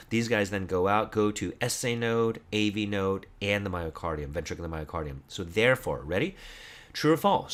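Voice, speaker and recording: A man teaching anatomy and physiology over slides in a casual, lively lecture, quizzing listeners with true-or-false questions and correcting himself as he goes. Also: on the low side.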